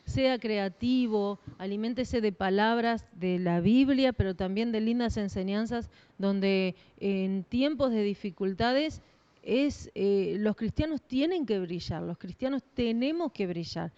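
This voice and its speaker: A woman's voice: medium pitch, unhurried, mellow, smooth. Encouraging woman, muffled stream. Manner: encouraging, addresses listeners formally. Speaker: co-host of church broadcast. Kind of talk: church announcements and exhortation.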